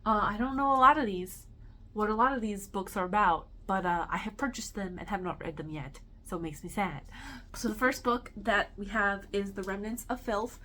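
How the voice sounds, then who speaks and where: Woman gushing about books on her channel, lots of ums, swears a bit, normal pitch. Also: moderate pace, a bit bright, a little hiss or hum. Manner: chatty and enthusiastic, with frequent ums and swearing. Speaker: book vlogger; teacher. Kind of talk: casual book review chat.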